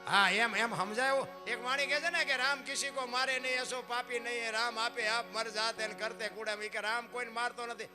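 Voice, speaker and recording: A man with a Kathiawadi Gujarati accent gives a devotional sermon. He preaches emphatically, often calls his listeners "bapu", and lets his loudness rise and fall. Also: extremely high pitch, fairly even intonation, brisk, hardly any pauses, over music. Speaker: devotional folk artist. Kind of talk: devotional sermon on saints and scripture.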